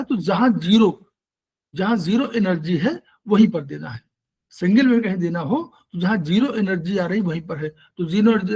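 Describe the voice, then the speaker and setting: Husky high-voiced man explaining acupressure. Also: a little mellow. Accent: Hindi-speaking North Indian. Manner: repetitive, self-correcting, asks and answers own questions. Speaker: acupressure teacher. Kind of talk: explanatory lecture.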